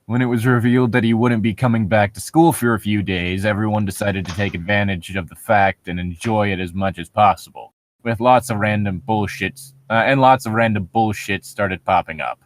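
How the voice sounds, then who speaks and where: As co-host of a comedic story reading, a man with a fairly low, steady voice at normal speed reads a story aloud mockingly, joking sarcastically and casually with some swearing.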